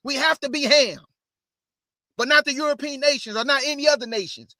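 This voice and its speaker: A man hosts his show with an extremely high, bright, pushed voice, talking a little fast. He offers casual religious commentary in a preachy tone and calls his listeners family. The recording is dry and studio-clean.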